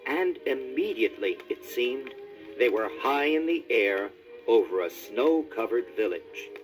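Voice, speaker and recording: A man narrating a children's storybook record, with expressive, scripted delivery. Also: mid-range voice, measured pace, soft background music, rough recording. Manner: animated, expressive.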